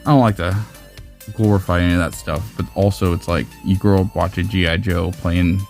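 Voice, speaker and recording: A man's voice: sits low, steady tone, brisk, darkish tone, faint music behind. A man in his forties from the United States, casually commenting while opening trading cards, joking, rambling and swearing freely. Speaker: card-collecting channel host.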